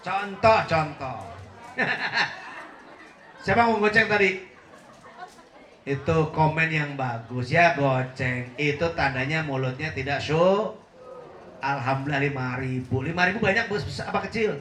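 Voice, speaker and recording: Jokey high-voiced preacher in an echoey hall. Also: male voice, a little slow, long pauses, a bit bright. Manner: jokey, teasing the audience, laughing often. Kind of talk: humorous sermon to a live congregation. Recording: echoey room with faint hum.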